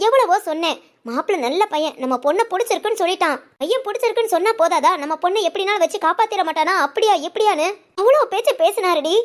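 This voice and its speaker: Cartoon mom, middle-aged and fretful, woman voices her, squeaky-high, fast, rambling complaints. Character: worried middle-aged village mother, lamenting. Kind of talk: cartoon family drama phone call.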